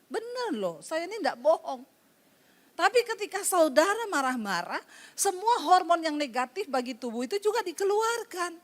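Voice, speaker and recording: A woman pastor delivers a sermon in a high, bright-pitched voice. She tells her stories with energy, acting out the people in them and laughing often as she speaks to the congregation. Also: big pitch swings, moderate pace. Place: church service.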